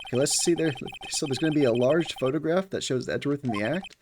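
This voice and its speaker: A man's voice: mid-range voice, fast, background noise, close to an everyday voice. A man voicing a young male defense attorney who sounds anxious but determined, with game music behind. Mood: worried.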